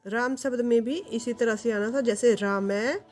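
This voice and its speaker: A woman teaching a grammar lesson to viewers, reciting word forms in slow, steady lists. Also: a little high, faint music behind.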